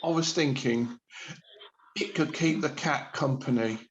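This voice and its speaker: An unhurried man in the mid range uses his natural voice for a radio-play role as an embarrassed supermarket shopper who has been panic-buying. His delivery is hesitant, stammering and evasive. There's slight background noise, and the lo-fi audio sounds a bit dull.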